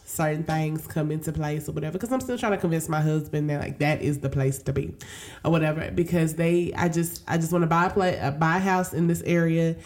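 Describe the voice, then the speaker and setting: A woman co-hosting a casual chat, expressive and playful. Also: low voice, brisk. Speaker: co-host.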